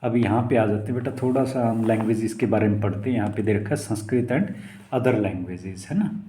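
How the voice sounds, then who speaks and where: A middle-aged man teaches a class in a mellow, slightly low voice. He reads English textbook lines slowly and then explains them in casual Hindi mixed with English, calling his students "beta". The recording has a roomy echo around him. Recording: echoey room.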